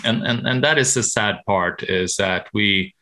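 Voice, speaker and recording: A Swedish man who works as a medical professional answers interview questions haltingly, restarting often. His voice is on the low side with a sharp tone.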